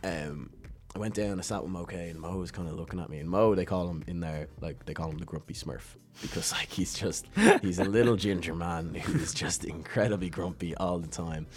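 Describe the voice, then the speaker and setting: Young man, very low voice, animated casual storyteller. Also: brisk, few pauses. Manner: animated, acts out other people's voices in quotes.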